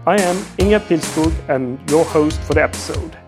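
A man's voice: fairly high pitch, normal speed, over music. A man hosting a podcast interview in a festival booth and asking questions in a casual, easygoing way. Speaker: podcast host.

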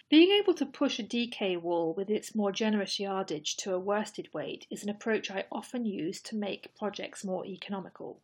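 A woman hosting a solo podcast, speaking in a measured, thoughtful and earnest way. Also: mid-range voice, slightly rough. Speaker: podcast host. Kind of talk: scripted solo podcast talk.

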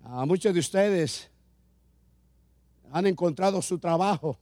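A man's voice: high-pitched, measured pace, a little mellow, no echo. A man pastor preaching a sermon, repeating phrases and rising in emphasis as he addresses his congregation.

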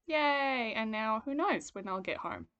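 A woman's voice: on the high side, lively intonation, unhurried, fairly bright tone, lo-fi sound. A woman co-hosting a casual book podcast, talking informally with a wry, self-dramatising manner. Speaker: podcast co-host.

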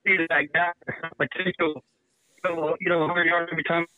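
A man's voice: fairly high pitch, little pitch movement, fairly quick. Man on glitchy, breaking-up call audio. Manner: rambling, stat-quoting, skeptical. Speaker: sports radio co-host calling in. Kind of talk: casual sports talk. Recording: muffled, dry, glitchy phone line.

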